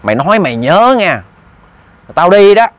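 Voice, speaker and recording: A man's voice: high voice, sing-song, no echo, pitched above the performer's own voice. A man voicing a menacing female ghost who drags her words together and moans. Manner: drawn-out, moaning, slurring words together.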